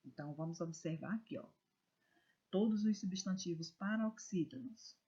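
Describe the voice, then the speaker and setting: A woman's voice: on the low side, mellow, husky. Patient woman teacher, careful stressed reading. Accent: Brazilian Portuguese. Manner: slow, careful, stresses syllables when reading words aloud. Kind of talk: recorded video lesson for children. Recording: dull lo-fi recording.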